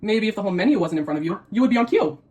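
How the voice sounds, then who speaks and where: A woman's voice: mid-range voice, lively intonation, racing, a little mellow, a little hiss or hum. A young woman co-hosting a video, switching between scripted facts and snippy, playful teasing. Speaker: co-host of a mukbang video. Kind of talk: scripted explainer mixed with playful banter.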